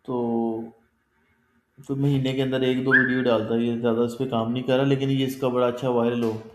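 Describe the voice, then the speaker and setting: This instructor speaks briskly with a medium-pitched, flat delivery as he runs a live online class. Explaining each step conversationally, he regularly makes sure students follow, and the room he's in sounds echoey.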